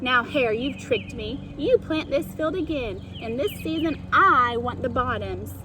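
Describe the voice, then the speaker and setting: A woman's voice: sits high, expressive, measured pace, background noise. A woman voicing a lazy, grumpy male bear from a children's storybook, grumbling and indignant.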